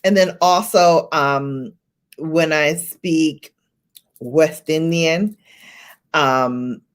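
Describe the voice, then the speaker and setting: A deep, very slow female voice with a Brooklyn accent belongs to a livestream host from Brooklyn, New York. Casual and chatty, she laughs a lot and greets viewers by name, faint music audible in the background.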